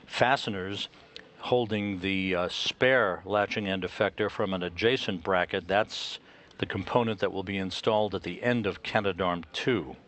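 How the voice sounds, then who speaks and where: A man giving live mission control commentary in a measured, formal manner, pausing often to find his words. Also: low-pitched, fairly bright tone. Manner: measured, formal, with frequent hesitations.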